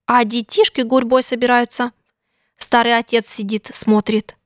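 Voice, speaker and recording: A woman narrating a folk tale in a rhythmic, lively storytelling manner. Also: fairly high pitch, normal speed, no room sound, clean studio sound.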